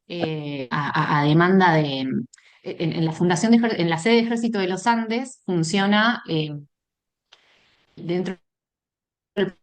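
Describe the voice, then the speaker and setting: A woman, a psychologist presenting a case on a video call, her speech halting and restarting while the audio keeps cutting out. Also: on the low side. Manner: halting, with many restarts and fillers. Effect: choppy audio cutting out on a bad connection. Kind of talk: professional group discussion.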